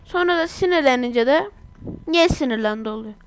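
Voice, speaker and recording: A woman from Turkey giving casual, chatty commentary over her own gameplay, excitable and quick to burst into exasperated outbursts. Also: high voice, noisy background. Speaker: gaming YouTuber.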